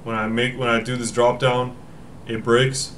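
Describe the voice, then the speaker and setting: Walking viewers through a tech task on screen from his home, this young man thinks aloud and corrects himself regularly. His mid-range voice barely moves in pitch, has a slightly bright edge, and keeps a moderate pace over light background noise.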